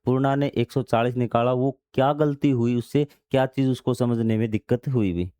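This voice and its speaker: A man's voice: mid-range voice, fairly even intonation, normal speed, mellow, clear, resonant tone, no echo, studio quality. A man teaching a maths lesson, reading out textbook passages and then explaining them in everyday words, asking questions and answering them himself. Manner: asks questions and answers them himself, repeats key steps.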